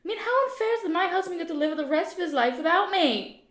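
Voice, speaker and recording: A woman's voice: very high-pitched, lively intonation, fast, a bit bright. A woman voicing a spiteful, imperious ghost queen who talks with scorn in a puppet stage play. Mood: haughty, scornful. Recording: roomy echo.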